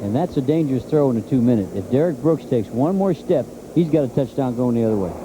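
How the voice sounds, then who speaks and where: A man's voice: mid-range voice, animated, fast. A man giving live football analysis in a conversational, emphatic, repetitive way. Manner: conversational, emphatic, repeats himself. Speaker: color commentator. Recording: noisy stadium broadcast. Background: stadium noise.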